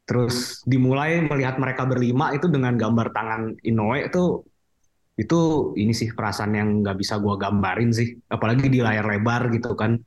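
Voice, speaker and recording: Dude raving about a movie, lots of um and like, casual podcast chat. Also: male voice, mid-range voice, a little fast, lo-fi sound. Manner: enthusiastic, fillers, slangy. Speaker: podcast guest reviewer. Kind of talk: casual film review chat.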